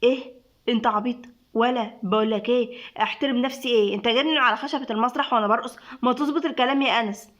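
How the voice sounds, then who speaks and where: A woman's voice: fairly high pitch, fairly even intonation, a bit bright, highs cut off, close to an everyday voice. A woman voicing a cheeky young woman who fires back mocking retorts, with an Egyptian accent. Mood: sassy. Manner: mocking, quick comebacks.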